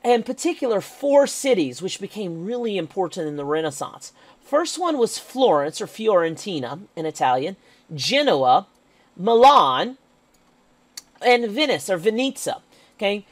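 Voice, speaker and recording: A woman's voice: mid-range voice, big pitch swings, measured pace, no echo. A woman teacher giving a recorded history lecture over slides, emphatic and checking in with "okay?" as she goes.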